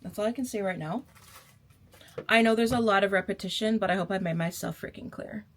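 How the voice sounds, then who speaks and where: A young adult woman vlogger with a mid-range voice talks fairly quickly to camera, delivering a casual motivational pep talk. She is sassy and emphatic, repeats herself, and calls her viewers babe.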